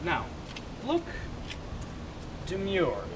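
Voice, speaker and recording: A man playing a vain, wealthy young gentleman suitor in a stage comedy, speaking in a pompous, self-satisfied way. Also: high voice, wildly swooping pitch, very slow, full character voice. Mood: smug. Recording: noisy stage recording, distant microphone.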